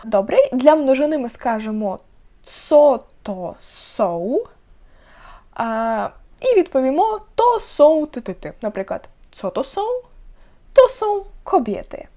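A young woman with a high, very lively voice gives a beginners' language lesson. She says example words slowly and clearly, then repeats them so learners can follow. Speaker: Polish language teacher.

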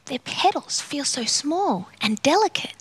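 A woman presenting a children's TV show, bubbly and sing-song, talking slowly to young children. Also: high-pitched, sing-song.

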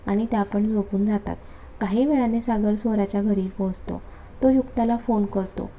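A woman narrating a romantic serial story in a steady, even reading voice. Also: medium pitch, normal speed.

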